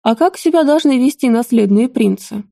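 A woman's voice: a little high, expressive, normal speed, gravelly, warm tone. A woman voicing a defiant young prince who snaps back at his family. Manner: curt, defiant.

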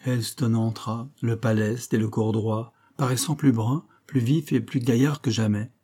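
Casting : homme, lecteur de livre audio, timbre sombre et doux, débit mesuré. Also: male voice, medium pitch, fairly even intonation, a little slow, warm tone, slightly rough. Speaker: audiobook reader. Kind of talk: scripted narration of a classic novel.

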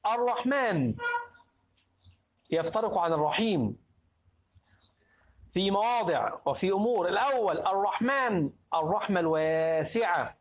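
Egyptian male religious teacher, high voice, quizzes students through the lesson; tinny, phone-like recording. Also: animated, a little slow, long pauses. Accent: Egyptian Arabic. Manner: questioning students, prompting answers. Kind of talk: classroom lesson on creed.

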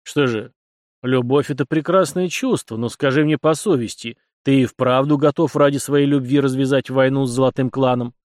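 A man's voice: medium pitch, fairly even intonation, normal speed, a little mellow, no echo, studio quality, natural voice. A man voicing a stern, commanding middle-aged captain in a storybook reading, clipped and strict. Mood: scolding.

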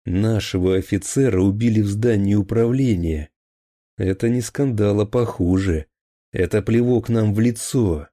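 A man's voice: lowish voice, normal speed, dark tone, lightly acted. A man voicing a stern police colonel who thunders his indignation. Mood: stern anger. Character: booming male police colonel, stern chief.

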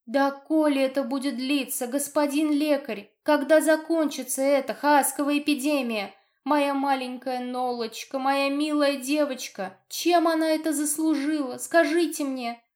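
A woman's voice: sits high, fairly even intonation, measured pace, hardly any pauses, a little mellow, pitched above the performer's own voice. A woman voicing a plump, desperate mother who pleads through tears in a storybook. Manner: pleading, sobbing. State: crying.

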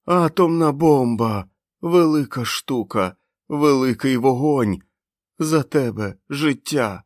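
A man's voice: medium pitch, expressive, takes it slowly, no room sound, studio quality, voice pushed up. A man voicing an ecstatic, radiation-burned male madman who raves, shrieks and pleads. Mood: ecstatic raving.

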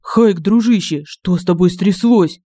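A man's voice: sits high, unhurried, dark tone, dry recording. A male narrator voicing a concerned, friendly young man in an audiobook. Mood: worried. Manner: worried, caring.

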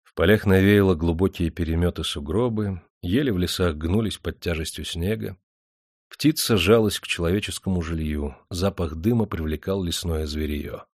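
A man narrates an audiobook in a low, measured voice. The sound is close and dry, with no room around it. His storytelling stays even and steady. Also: no echo.

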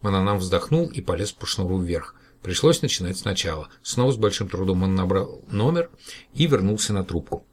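A man narrating an audiobook in a calm, even storytelling manner, with a husky voice. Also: low-pitched, a little fast.

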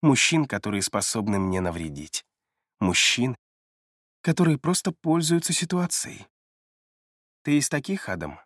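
A man reading an audiobook, voicing a calm, knowing female therapist who talks in a level, quietly provocative way. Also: medium pitch, unhurried, long pauses, dry recording, studio quality. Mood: cool, probing. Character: calm, probing female therapist, middle-aged.

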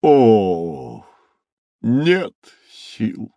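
A man's voice: lowish voice, huge pitch swings, mellow, dry recording, dull audio, heavily acted. A man voicing a timid, fretful rhinoceros who sighs and mumbles anxiously in an audio drama. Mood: lamenting. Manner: slow, sighing, anxious mumbling.

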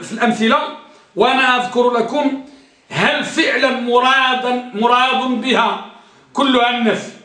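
A male teacher runs a grammar class, repeating examples and quizzing his students. His voice sits very high and sounds bright and forceful. The echoing classroom gives it a roomy ring.

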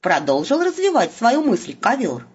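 A woman narrating an audiobook with a lively, ironic storytelling manner. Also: a little high, measured pace, husky. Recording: muffled lo-fi recording.

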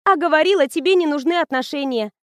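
A woman reading the lines of a lively young woman student who teases her friend in an audiobook. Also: high-pitched, fast, no echo, clean studio sound, voice pushed up. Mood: teasing. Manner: bubbly, teasing, animated.

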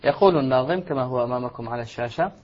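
A male presenter guides a scholarly lesson with short acknowledgements and calm prompts. His voice has a husky edge. The sound is dull and lo-fi. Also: mid-range voice. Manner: brief acknowledgements, measured prompts. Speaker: program presenter. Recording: muffled lo-fi audio.

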